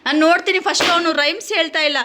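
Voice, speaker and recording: A woman with a Kannada accent from Kalaburagi, gently coaxing and consoling a crying child in a casual family vlog. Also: very high-pitched, steady tone, rapid-fire. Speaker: vlogger. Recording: echoey room, faint noise.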